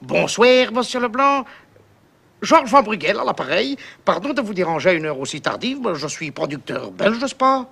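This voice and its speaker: A fake belgian producer calling up, super polite and formal, gravelly bright voice, pitch jumps all over. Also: male voice, big pitch swings, drawn-out words, pauses often, exaggerated voice. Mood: fawning. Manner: overly polite, formal phone manner. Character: man faking a fussy Belgian film producer on the phone. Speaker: film character.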